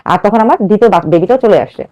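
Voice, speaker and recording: A woman from Bangladesh, in her thirties, pours out her life story to a radio host, urgent and earnest, dramatizing the quoted dialogue. She speaks very fast in an animated, medium-pitched voice with a dark tone, and the audio is dull. It's emotional personal storytelling.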